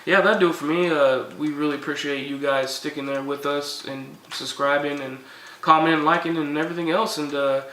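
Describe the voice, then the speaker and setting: A man co-hosting a casual sports talk show, relaxed and agreeable in manner. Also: a little high, a little fast. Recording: distant from mic, echoey room, faint noise.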